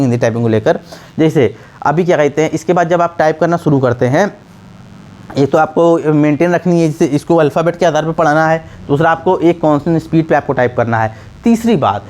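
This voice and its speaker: Man, typing tutor, slightly high voice, casual, repeats himself, many fillers. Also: darkish tone. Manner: repetitive, hesitant, many fillers and restarts; keeps checking in with the listener. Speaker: typing teacher.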